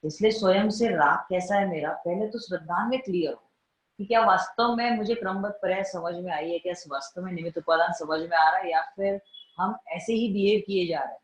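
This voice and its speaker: A man with a fairly quick, high-sitting voice gives a Jain religious discourse in Hindi sprinkled with English words. He keeps it conversational, often asking listeners if they follow. The recording is roomy and dull.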